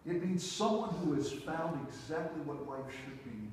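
A man's voice: a little high, measured pace. Middle-aged guy preaching, walks around talking, church room super echoey, faint hum behind. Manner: storytelling, moves about the stage with wide gestures. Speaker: pastor. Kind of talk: sermon. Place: church sanctuary, large indoor room. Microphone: distant room mic, preacher away from the camera. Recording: echoey church hall heard from far off.

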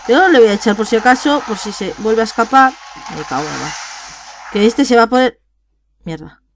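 A woman gamer with a Spain Spanish accent, giving let's play commentary; she gets excited, swears and repeats words. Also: a little high, brisk, slight background noise, low-quality recording.

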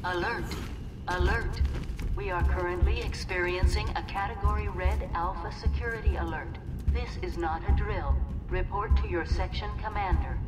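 A woman voicing a calm female asylum announcer over a public address loudspeaker, formal and clipped. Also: lowish voice, normal speed. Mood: urgent. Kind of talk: video game voice acting. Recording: distant loudspeaker, long hall reverb, loud music.

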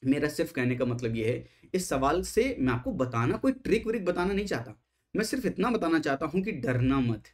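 Male exam coach, emphatic, rhetorical questions, swinging lively pitch, mixes in english terms. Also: brisk. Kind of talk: exam strategy lesson.

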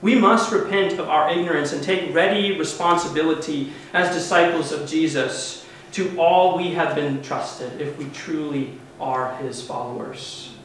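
Captured from a distance by a camera mic, with no microphone visible, a thirtysomething pastor preaches earnestly and emphatically in a church sanctuary. His fairly high, bright voice keeps a measured pace, and the very echoey sound has a bit of hiss or hum.

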